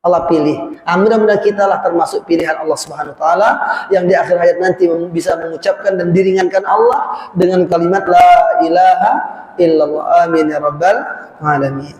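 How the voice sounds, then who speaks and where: A man preaching an Islamic sermon to a congregation in a prayer hall, speaking Indonesian with an Indonesian accent and lively outbursts and Arabic phrases. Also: high-pitched, fairly quick. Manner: lively, rising to exclamations, quoting Arabic phrases. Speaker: ustadz preacher. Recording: echoey hall, roomy reverb.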